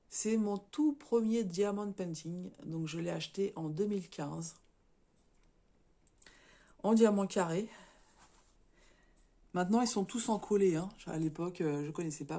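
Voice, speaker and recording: A woman with a cold talks through a casual show-and-tell vlog, her voice a little hoarse, stuffy and short of breath. She speaks haltingly, stumbling over words, restarting sentences and tagging them with little fillers. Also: on the low side, dark tone. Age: adult, married. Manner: chatty, tags sentences with "hein". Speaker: crafts vlogger.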